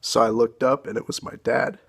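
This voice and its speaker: A young man telling his own story as an earnest, halting and emotional personal testimony, recorded on a phone camera. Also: mid-range voice, steady tone, creaky, a bit bright, husky.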